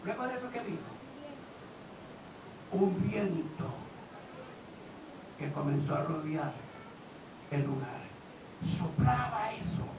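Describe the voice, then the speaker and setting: A male pastor preaching a sermon. He questions his congregation and swings from low talk to shouting. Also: expressive, slow pace, pauses often. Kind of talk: Pentecostal-style sermon. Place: church hall. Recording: roomy, distant, dull and noisy church recording.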